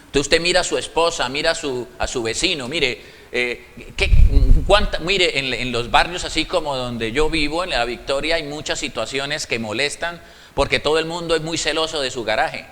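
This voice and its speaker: A man preaching a sermon, animated and acting out little dialogues in shifting tones of voice. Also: fairly high pitch, moderate pace. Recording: echoey hall reverb.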